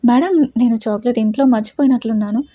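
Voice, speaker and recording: A woman voicing a polite male head bodyguard who gently coaxes in a storybook reading. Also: fairly high pitch, quick pace, lightly acted. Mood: coaxing. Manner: gentle coaxing.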